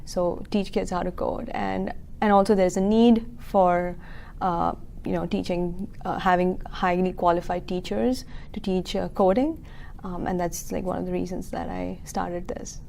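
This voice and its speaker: A woman's voice: lowish voice, little pitch movement, a little slow, vocal fry, darkish tone, slight background noise. A woman in her thirties from Kuwait, a school founder explaining her business in a local TV interview, earnest and full of fillers. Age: 30s.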